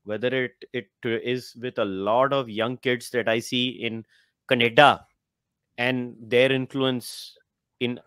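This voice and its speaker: A young man from Mumbai with an Indian accent hosts a podcast, giving blunt opinions and reading book passages aloud in a mix of English and Hindi. His medium-pitched voice is smooth and fairly bright, with little pitch movement and an unhurried pace. He speaks into a studio mic with headphones in a room lined with bookshelves, and the recording is dry.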